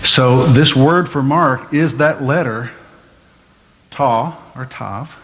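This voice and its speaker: A male pastor giving a measured, explanatory Bible-teaching sermon, asking his listeners questions as he goes. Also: mid-range voice, a bit bright. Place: church sanctuary. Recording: long hall reverb, faint room noise.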